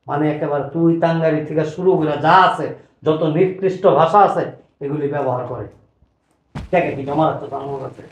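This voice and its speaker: A man's voice: high voice, roomy sound, lo-fi sound, close to an everyday voice. A man playing a stern older father-in-law who commands and scolds. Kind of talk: web drama acting.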